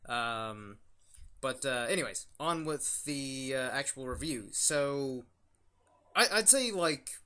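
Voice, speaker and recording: A man's voice: medium pitch, expressive, takes it slowly, pushed and bright. Rambling young man hosting a casual review. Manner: rambling, many fillers and restarts. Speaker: YouTube channel host.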